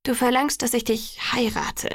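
A woman voicing an insecure, stubborn young heroine, speaking earnestly with a slight creak. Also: expressive, moderate pace, no room sound, clean studio sound. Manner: earnest, pleading, raised pitch.

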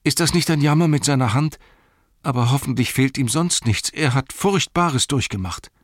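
A man reading an audiobook voices an excited young male hobbit servant who exclaims breathlessly. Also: medium pitch, moderate pace, no echo, studio quality, voice pushed up, natural voice. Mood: concerned. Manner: breathless, exclaiming, bursting with joy.

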